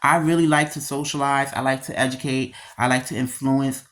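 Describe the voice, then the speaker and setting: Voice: mid-range voice, steady tone, a little fast, a bit bright. A speaker in their thirties with a slight lisp from missing front teeth, talking candidly and emphatically in slangy, casual vlog style, repeating words for emphasis. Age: 30s. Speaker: video creator.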